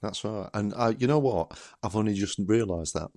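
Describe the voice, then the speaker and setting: Bloke, fairly low voice, middle aged, friendly co-host going yes yes you're quite right. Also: male voice, moderate pace, warm tone. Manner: agreeable, affirming. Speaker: podcast co-host. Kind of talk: casual chat.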